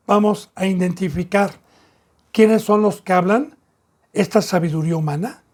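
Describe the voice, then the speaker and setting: A man's voice: high voice, a little mellow. A man with a Mexican accent preaching a sermon as pastor, with emphatic, repetitive phrasing that rises in bursts.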